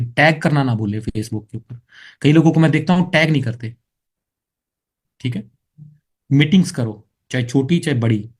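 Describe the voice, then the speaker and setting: A man's voice: medium pitch, darkish tone. A middle-aged man from India giving a preachy motivational training talk that turns to scolding and storytelling. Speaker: business trainer.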